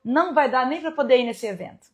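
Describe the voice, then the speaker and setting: Woman host on a live video call, high voice, chatty and encouraging, laughs a lot. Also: quick pace. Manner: chatty, warm-hearted encouragement, frequent laughter. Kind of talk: casual live interview.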